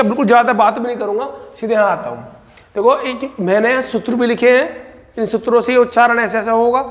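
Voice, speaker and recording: A man teaching a Hindi exam-prep lesson, briskly repeating points and calling his students brother. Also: very high voice, long reverb tail.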